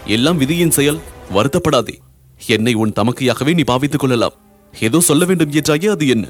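A man voicing a dignified royal princess who speaks with measured authority. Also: medium pitch, expressive, faint music behind, natural voice. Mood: stern. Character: dignified royal princess, stern yet compassionate.

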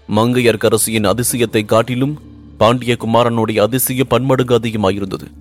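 Brief: man narrating a historical novel aloud, measured and literary, mid-pitched. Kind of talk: storybook narration.

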